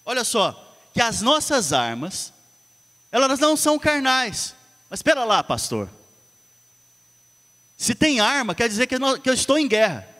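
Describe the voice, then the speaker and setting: A male pastor with a Brazilian Portuguese accent preaching a lively sermon with call-and-response to the congregation. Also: very high-pitched, moderate pace. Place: church hall. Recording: long reverb of a church hall.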